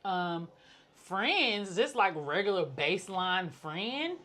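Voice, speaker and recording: A woman co-hosting a podcast in casual chat, speaking in a flat, nonchalant, one-tone way. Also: mid-range voice, takes it slowly. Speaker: podcast co-host.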